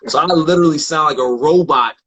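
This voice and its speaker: A man with a husky, slightly breathy voice tells a long story in easy conversation, acting out little exchanges with friends as he goes. The sound is dull and lo-fi, like a plain home podcast setup. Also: on the high side, fast talker. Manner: relaxed, quotes others in animated asides, frequent fillers. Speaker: podcast guest.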